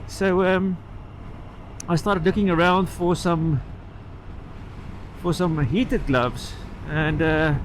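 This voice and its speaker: A man talking casually and haltingly from inside his helmet while riding a motorcycle, rambling like a vlogger and picking his thread back up. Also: on the high side, steady tone. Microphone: microphone inside the helmet. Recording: inside-helmet sound with road and engine noise.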